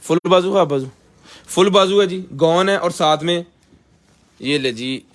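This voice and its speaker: Man, Pakistani accent, slightly high pitch, live-stream seller, casual hard-sell advertising patter, repetitive. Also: measured pace.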